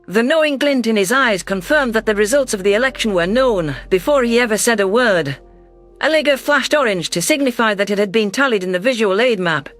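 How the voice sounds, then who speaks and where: An audiobook narrator with a high, slightly bright voice reads a science fiction story aloud as dramatic first-person narration, with a music bed playing under him.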